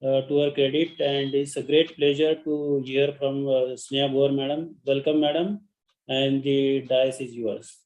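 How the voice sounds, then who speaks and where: A man with an Indian accent giving a courteous, halting formal introduction of a speaker on a webinar. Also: medium pitch, flat delivery, a little mellow. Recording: echoey online call audio.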